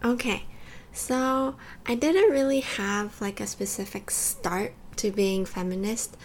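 A young woman co-hosts a podcast in a mid-range voice, speaking slowly with a faint hiss or hum in the background. She grew up between California and Taiwan, and her talk is casual and conversational, full of "like" fillers.

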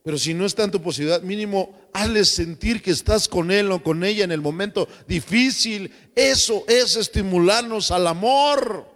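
A man preaching a sermon as pastor, lively and joking, slipping into slang voices. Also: high-pitched, moderate pace, few pauses, in a large hall. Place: church.

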